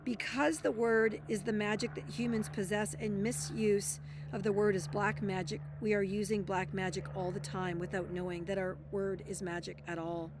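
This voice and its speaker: Female self-help speaker, mid-pitched, reading a book aloud with emphatic asides. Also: flat delivery, normal speed, background noise.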